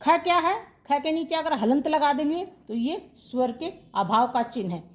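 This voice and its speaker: High-voiced woman teaching Hindi grammar. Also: animated, moderate pace. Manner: asks questions and answers them herself, repeats key terms. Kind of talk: online classroom lesson.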